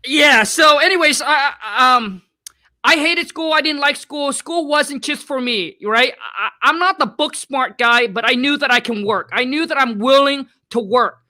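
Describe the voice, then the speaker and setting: Man from Vietnam, interview guest, casual and earnest, high voice, sharp bright tone. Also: normal speed.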